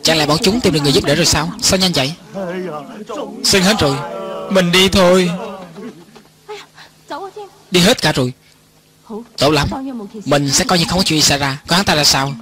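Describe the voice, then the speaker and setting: A man reading every part of a film as a voice-over, in an even and lightly acted way. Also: a little high, normal speed, pauses often, a crowd in the background. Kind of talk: lector voice-over reading all parts.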